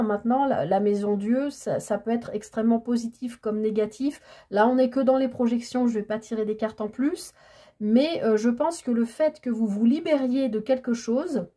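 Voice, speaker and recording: Lady doing a tarot reading, kinda husky, mellow voice, stumbles over her words a lot. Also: medium pitch. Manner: hesitant, stammering, many fillers. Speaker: tarot card reader. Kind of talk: casual spoken tarot reading.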